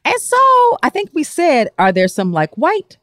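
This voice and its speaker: Expressive podcast co-host woman saying y'all. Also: fairly high pitch, moderate pace, no room sound, studio quality. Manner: expressive, affirming, says "y'all". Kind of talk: casual chat.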